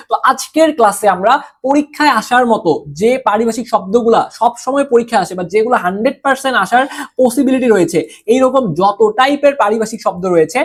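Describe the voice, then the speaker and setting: A young adult teacher with a Bangladeshi Bengali accent gives a recorded exam-prep class. The teacher drills each word through repeated questions and answers and urges the students on in a familiar tone. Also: medium pitch.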